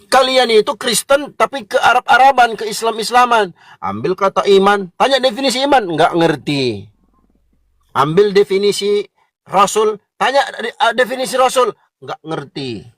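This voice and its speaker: A high-pitched man preaches in a combative, mocking tone, lecturing his opponents directly. The recording is dry and close, with no room around him. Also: lively intonation, moderate pace, fairly bright tone, no echo. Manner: combative, mocking, addresses listeners as "kau". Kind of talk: polemical religious lecture.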